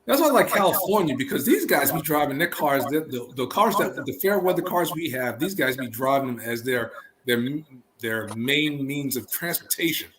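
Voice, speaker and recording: On a video call from an indoor room, an American man chats casually, repeating phrases for emphasis. His medium-pitched voice is expressive and moderately paced, and background noise can be heard.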